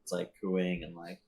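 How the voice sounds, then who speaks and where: Man, game master, low voice, rambling narration, echoey room. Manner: rambling, full of "like" and "uh".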